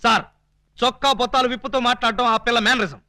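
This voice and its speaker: Brief: an indignant comic cop, very high and very bright voice. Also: male voice, no room sound, studio quality, full character voice. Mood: sarcastic. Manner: indignant, quick comic retorts. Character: flustered comic police officer, indignant. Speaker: police sub-inspector. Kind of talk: Telugu film comedy acting.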